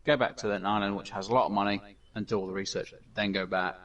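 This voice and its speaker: Low-voiced man, rambling game talk. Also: steady tone, fast talker, a bit bright, distant mic, highs cut off. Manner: rambling, with many fillers and restarts. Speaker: gaming channel host. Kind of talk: casual gameplay commentary.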